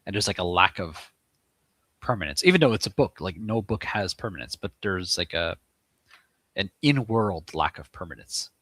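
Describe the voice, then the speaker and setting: A man's voice: deep voice, lively intonation, moderate pace, a bit bright, dry recording. A man from Eastern Canada with a Quebec English accent, a guest author chatting casually in an interview with many fillers and restarts.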